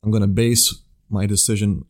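A man co-hosting a podcast in relaxed casual chat, also reading out the show plugs. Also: fairly low pitch, moderate pace. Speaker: podcast co-host.

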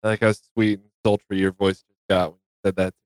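A man's voice: low voice, flat delivery, fairly quick. A man co-hosting a casual podcast chat, talking hesitantly with many fillers.

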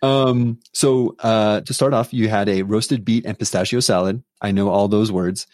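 A man's voice: on the low side, fairly even intonation, normal speed, darkish tone, no echo, studio quality. A man interviewing a chef in casual chat, upbeat and laughing often as he gushes about the meal. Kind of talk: casual conversation.

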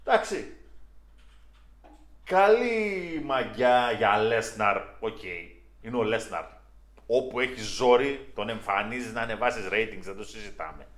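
A man's voice: on the low side, expressive, fairly bright tone, roomy sound. A man co-hosting a casual chat, opinionated and teasing, often cutting in. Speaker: co-host.

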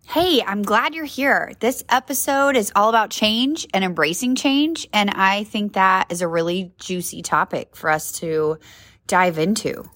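A woman's voice: medium pitch, unhurried, fairly bright tone, soft background music. A young adult woman hosting a motivational podcast, talking in a chatty, encouraging way with frequent fillers and restarts. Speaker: podcast host. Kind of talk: casual motivational podcast talk.

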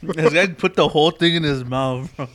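Swearing, joking podcast co-host. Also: male voice, fairly high pitch, normal speed, fairly bright tone. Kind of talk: casual chat.

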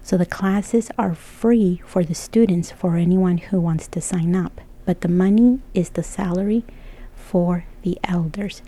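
Podcast host: woman, slow, breathy near-whisper, mellow low tone. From El Salvador. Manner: soft, often breathy half-whispered delivery; earnest and thankful. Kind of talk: solo podcast monologue.

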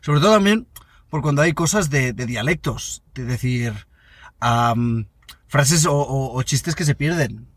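A man's voice: medium pitch, animated, unhurried, slight background noise. A man from in a casual podcast chat, talking with many restarts and fillers. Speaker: podcast co-host.

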